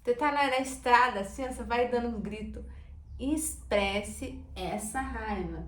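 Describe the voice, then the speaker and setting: A woman with a Brazilian Portuguese accent coaching viewers on their emotions, lively and talking straight to them, acting out everyday examples. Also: fairly high pitch, measured pace. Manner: animated, acts out examples and talks straight to viewers. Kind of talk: informal teaching talk to camera. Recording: echoey room with faint background noise.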